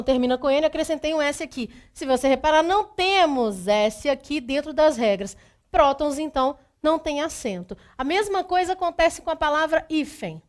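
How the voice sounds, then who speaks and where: High-voiced woman teaching grammar. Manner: methodical, repeats rules, checks in with "tá?"; speaks straight to the student. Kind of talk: exam-prep grammar lesson.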